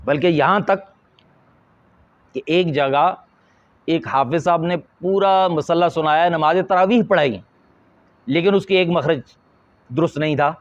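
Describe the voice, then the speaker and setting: Earnest male Quran teacher, slightly high voice. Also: no echo. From Pakistan. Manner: earnest, explanatory, with slow deliberate emphasis. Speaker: Quran teacher and madrasa supervisor. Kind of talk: instructional talk to teachers. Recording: slightly dull lo-fi audio.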